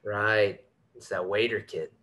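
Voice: low voice, fairly even intonation, a little slow, fairly bright tone, low-quality recording. A performer reading the part of a young male band singer who jokes and teases, at a script read-through. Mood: teasing. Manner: teasing, wisecracking.

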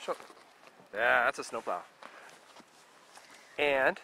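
In this casual home video, a forties-aged dad at a small snowy ski hill talks slowly in a mid-range, creaky voice with lively intonation. Chatty and upbeat, he coaches a child while filming his family on a handheld camcorder at arm's length, and the outdoor recording is noisy.

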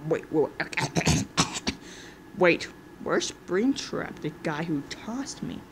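A woman's voice: sing-song, extremely slow, vocal fry, noisy background. Woman voicing a whole plush cast. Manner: jumps between many put-on character voices, squeaky highs and low mutters. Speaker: plush skit performer voicing all characters. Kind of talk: improvised toy skit.

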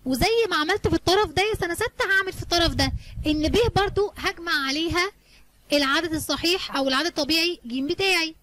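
A woman math teacher with an Egyptian Arabic accent, talking at a very quick clip in a high voice. She leads her pupils through the lesson in a coaxing, colloquial way, posing questions and answering them herself. Faint noise sits under her voice. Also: fairly bright tone. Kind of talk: explaining a lesson to students.

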